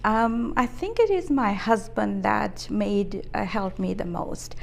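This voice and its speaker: A woman in her fifties from Fiji, an executive answering interview questions in a measured, thoughtful way with frequent hesitations. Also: mid-range voice, creaky. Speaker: interview guest, business executive.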